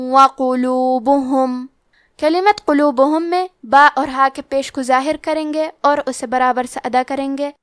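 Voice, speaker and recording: High-voiced woman teaching recitation, measured. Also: dry recording, studio quality. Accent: Pakistani Urdu. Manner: measured, explanatory, draws out recited words slowly. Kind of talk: tajweed lesson with slow recitation.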